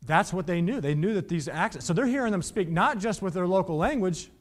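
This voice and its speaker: A thirty-something preacher delivers Bible teaching from a studio stage set with painted backdrops, reading out verses and asking his audience rhetorical questions. He talks a little fast in a high-pitched, expressive voice.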